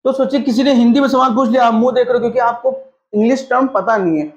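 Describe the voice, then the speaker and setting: Talking very fast in a very high voice, a man teaches a classroom-style lesson in Hindi mixed with English terms. He poses questions and answers them himself, and the echoey room leaves the sound slightly dull.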